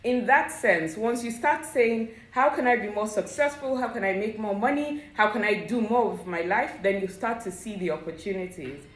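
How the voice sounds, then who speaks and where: A woman's voice: mid-range voice, normal speed, hardly any pauses. Woman giving an earnest pep talk. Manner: earnest, coaching, asks "do you understand?". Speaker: vlogger. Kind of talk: motivational talk to viewers. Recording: roomy echo.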